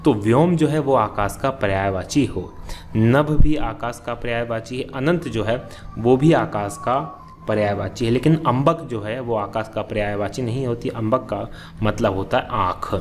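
A man's voice: mid-range voice, moderate pace. A man with a mid-range voice teaches an exam-prep grammar lesson. He asks a question, then answers it himself, and explains each point one step at a time. There is a faint hiss behind him.

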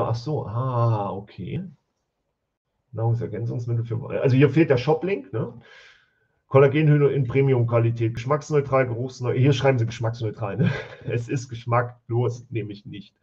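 A blunt German man thinks aloud as he reviews product listings on a live stream. His voice is slightly husky and sits in a middle register. The stream audio sounds a little dull and lo-fi, as if recorded at a home desk. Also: mid-range voice. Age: adult with school-age children. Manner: blunt, thinks aloud, mutters while counting. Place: home office.

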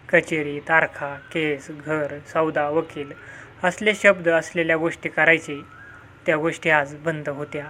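A man's voice: on the high side, sharp tone, a little hiss or hum. A man narrating a family story, reading all the characters' lines himself.

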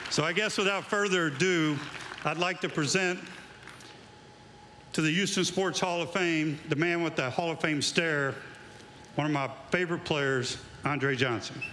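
At an outdoor awards event, a middle-aged man who used to coach speaks into a handheld mic with a fairly high pitch and a measured pace. His induction speech runs on folksy storytelling and climbs toward an emphatic tribute, heard in a roomy space with background noise.

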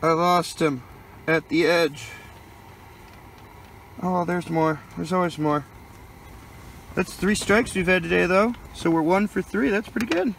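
Bright-voiced guy vlogging from an ice shanty. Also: high-pitched, creaky, a little hiss or hum, low-quality recording. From Michigan. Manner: chatty, joking, talks to camera. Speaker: fishing vlogger. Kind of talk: casual outdoor vlog narration. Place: inside a small ice-fishing shanty on a frozen lake. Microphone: handheld action camera.

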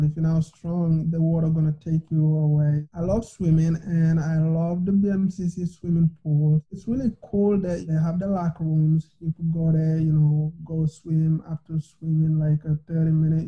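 A young man from Senegal, French his first language, talking about his college years as a guest in a relaxed way with many fillers over a video call. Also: a little high, moderate pace, hardly any pauses. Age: young adult. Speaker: former college soccer player, guest. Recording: dull lo-fi video call audio.

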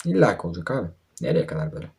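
Racing along with big pitch swings, a young man with a deep, darkish voice and vocal fry rants through his gameplay commentary. The mobile football YouTuber is exasperated and curses at his own team.

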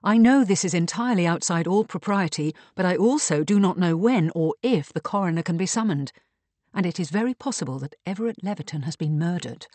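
A man's voice: high-pitched, expressive, a little fast, a little mellow, no room sound. A man voicing a resourceful young woman who speaks politely but firmly and urgently. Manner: urgent, firm, composed.

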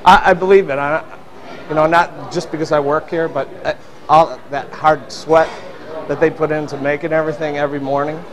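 A man's voice: on the high side, steady tone, fairly quick. A middle-aged man, a restaurant owner, answering interview questions with many fillers and restarts, seated in a busy dining room. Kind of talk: on-camera interview. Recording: restaurant crowd noise behind. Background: diners chattering.

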